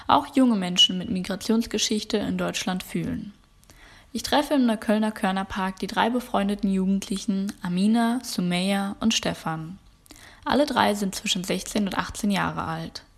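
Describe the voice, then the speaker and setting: A woman reporter reading a scripted report narration in a clear, composed delivery. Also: mid-range voice.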